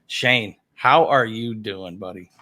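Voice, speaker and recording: A man's voice: lowish voice, slow, bright, forceful tone. A man hosting a casual sports podcast, upbeat and chatty, laughing easily with his co-host.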